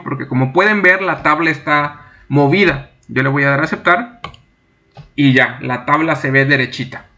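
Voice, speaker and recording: At a desk mic, a young instructor with a fairly high pitch runs a screen-recorded software tutorial. He reads each task aloud, then narrates his clicks step by step.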